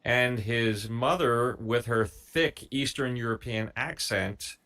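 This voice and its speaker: A man co-hosting a music reaction show, chatting in an easygoing, measured way and telling stories about the band. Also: mid-range voice, pushed and bright. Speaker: show co-host picking the music. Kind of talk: casual chat.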